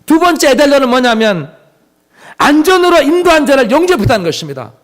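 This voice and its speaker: A man's voice: very high voice, sing-song, fairly quick. A man preaching a sermon as pastor, emphatic and full of rhetorical questions to the congregation.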